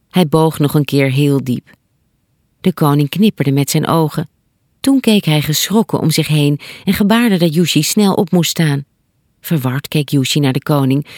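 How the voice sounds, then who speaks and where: A woman narrating a children's storybook in a calm, steady reading voice. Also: low-pitched, no room sound, studio quality.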